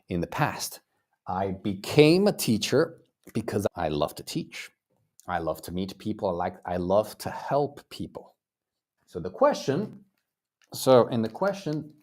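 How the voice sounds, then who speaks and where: Slow, animated man teaching English. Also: on the low side. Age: 30s. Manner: encouraging, praises students often; repeats and drills phrases. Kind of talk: live online language lesson.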